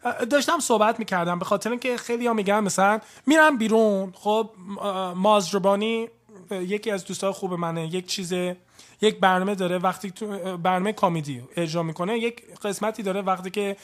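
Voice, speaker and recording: A man's voice: high voice, steady tone, a bit bright. A man from Iran hosting a call-in radio show, chatting loosely and dropping English phrases into his talk.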